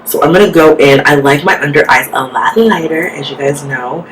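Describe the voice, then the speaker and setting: Walking viewers through her makeup routine, this beauty vlogger has a deep voice and speaks at normal speed in a casual, chatty way packed with "like" fillers. The low-quality recording carries a steady hiss.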